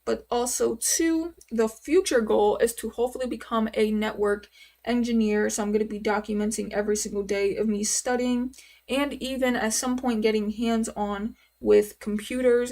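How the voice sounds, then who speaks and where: A woman's voice: mid-range voice, darkish tone. A woman in her twenties chatting casually on a live stream, rambling and answering viewers' questions with lots of fillers. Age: 20s. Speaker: livestreamer.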